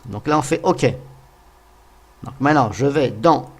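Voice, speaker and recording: A man narrating a casual software tutorial, thinking aloud as he goes and talking to viewers with frequent hesitant fillers. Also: mid-range voice, animated, unhurried. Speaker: tutorial host.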